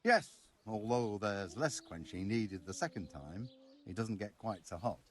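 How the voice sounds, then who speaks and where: In a fairly low, expressive voice at a measured pace, a male actor plays a medieval video game's village blacksmith who is proud and earthy. The character sounds frank and reflective, using blunt, sweary, folksy turns of phrase.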